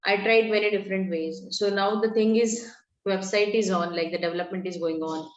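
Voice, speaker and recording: A woman's voice: mid-range voice, steady tone, fairly quick. Woman, Indian English accent, hesitant, many fillers, echoey room, dull lo-fi call sound. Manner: hesitant, full of fillers, mixing in Hindi words. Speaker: participant asking for advice.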